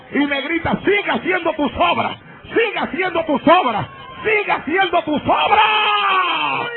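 A male pastor preaching a fervent sermon before a congregation, breaking into shouts and speaking in tongues. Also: high voice, creaky. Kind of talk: Pentecostal sermon. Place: church altar before congregation. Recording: tinny phone-like live church recording with crowd.

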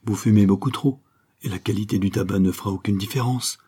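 A man reading a novel aloud, voicing a refined young woman who gently scolds and pleads with her fiancé. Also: lowish voice, quick pace, breathy edge. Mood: pleading. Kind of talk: audiobook character reading.

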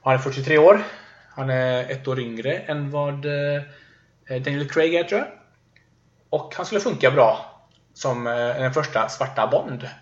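A man co-hosting a casual podcast chat, joking and rambling with quick asides. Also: medium pitch. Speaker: podcast co-host. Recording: roomy, dull lo-fi sound.

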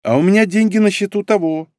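A man's voice: sits high, fast, darkish tone, no room sound, studio quality, pitched above the performer's own voice, natural voice. A man reading an audiobook, voicing a cheerful, spendthrift young red-haired woman who whines and wheedles. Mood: whiny. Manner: whiny, wheedling, dramatic.

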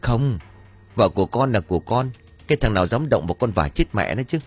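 A man voicing a panicky, cowardly young village husband who shouts and pleads in a high voice. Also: lively intonation, fairly quick, slightly rough, faint music behind. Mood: pleading. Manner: shrill, frantic yelling.

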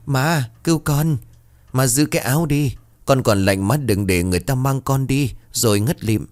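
A man's voice: medium pitch, normal speed, dry recording, pitched above the performer's own voice, close to an everyday voice. A man voicing the ghost of a young man, cold and lost, pleading in a raised, thin voice.

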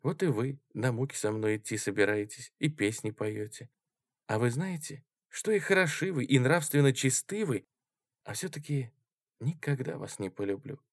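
A man's voice: medium pitch, lively intonation, normal speed, dry recording, studio quality. A man voicing a passionate young woman. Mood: impassioned. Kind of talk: audiobook reading.

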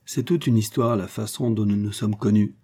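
A man voicing an excitable young working man in an audiobook. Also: on the low side, normal speed. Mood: exuberant. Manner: exuberant, excitable.

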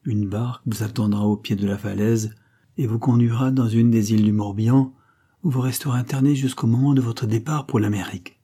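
A man's voice: medium pitch, steady tone, a little fast, warm tone, slightly rough. A man voicing a cold, stern young duchess in an audiobook, speaking in an icy, implacable tone. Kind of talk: audiobook character reading.

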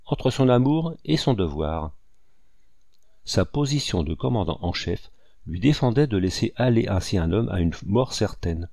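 A man reading a novel aloud as an audiobook narrator, steady and measured. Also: on the low side, no echo, studio quality.

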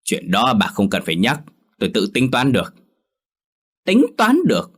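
Một người đàn ông giả giọng bà vợ địa chủ chua ngoa, the thé, càu nhàu. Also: male voice, a little fast, a bit bright, breathy edge. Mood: angry. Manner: shrill, nagging. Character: shrewish older wife of a rich landlord.

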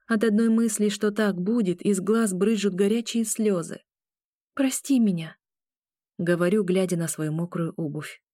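Woman audiobook narrator, mellow tone, expressive first-person reading, dry close-mic sound. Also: medium pitch, moderate pace, no echo.

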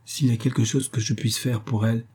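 A man's voice: medium pitch, steady tone, brisk, dark tone, breathy edge, lightly acted. A man voicing a timid, awkward clergyman in an audiobook reading, speaking hesitantly.

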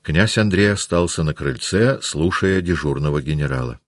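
A man narrating a classic novel as an audiobook, with a measured, steady reading. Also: rumbling low, no echo, studio quality. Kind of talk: scripted narration.

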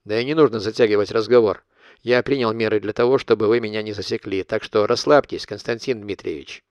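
A man's voice: on the low side, a little fast, smooth, no echo, dull audio, natural voice. A man reading as Kopernik, a cold clipped blackmailer. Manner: cool, clipped, dictating terms. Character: cold calculating male blackmailer, middle-aged. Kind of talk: audiobook character reading.

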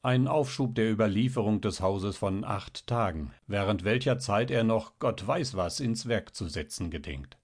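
A man voicing a genial, knowing middle-aged official and father in a read-aloud story, measured and wry. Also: on the low side. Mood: explaining.

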